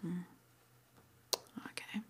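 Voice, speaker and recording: Playing an interviewer at a witch school in an ASMR roleplay, a woman whispers softly and breathily. She drags out her words and murmurs small acknowledgements in between her questions.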